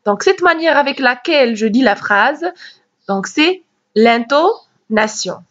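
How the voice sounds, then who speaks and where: A woman teacher giving a grammar lesson, explaining slowly and carefully and acting out questions with rising intonation. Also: high-pitched, lively intonation, a bit bright. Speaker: French teacher. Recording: dull, lo-fi recording.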